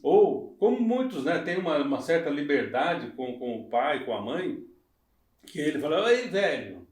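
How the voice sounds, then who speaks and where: A male pastor in a casual Bible study conversation, explaining calmly and affirming his partner often. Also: a little high, moderate pace, far from the mic. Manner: agreeable, explanatory, frequent short affirmations. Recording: echoey room, away from mic.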